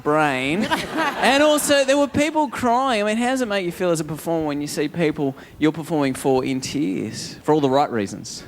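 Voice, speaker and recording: A man's voice: a little high, lively intonation, normal speed, hardly any pauses, background noise. A man hosting a live TV talent show, presenting and interviewing on stage. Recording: TV studio with music and audience.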